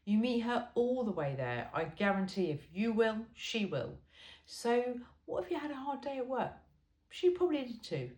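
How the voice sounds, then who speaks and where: A fairly high-pitched woman with a darkish tone reads a humorous self-help book in a very animated way at a moderate pace. Her delivery is wry, conversational and emphatic, peppered with chatty asides, in an echoey, roomy recording.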